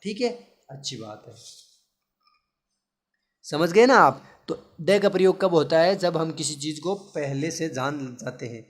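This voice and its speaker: Male teacher, repeats questions. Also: fairly high pitch. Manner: repetitive question-and-answer teaching, slow spelled-out English words. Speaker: English teacher. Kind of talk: classroom-style grammar lesson.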